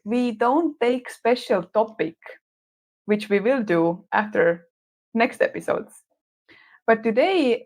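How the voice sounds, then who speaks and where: Woman co-hosting a podcast. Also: a little high. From Estonia. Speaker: podcast co-host. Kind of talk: casual podcast conversation.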